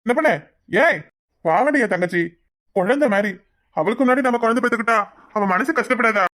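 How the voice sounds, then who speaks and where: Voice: mid-range voice, a little fast, fairly bright tone, natural voice. A voice actor playing a coaxing young village husband in a cartoon, with a Kanyakumari Tamil accent. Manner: coaxing, pleading.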